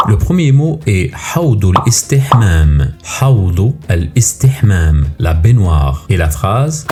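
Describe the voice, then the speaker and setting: A man teaching a recorded vocabulary lesson, saying each word twice, slowly and carefully. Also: on the low side, mellow. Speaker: language teacher.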